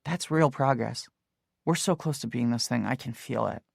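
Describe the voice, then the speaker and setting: A man voicing a bold, wisecracking teenage girl in an audiobook, raised well above his own pitch. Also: normal speed, gravelly, dry recording, clean studio sound. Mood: insistent. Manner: sharp, teasing, insistent.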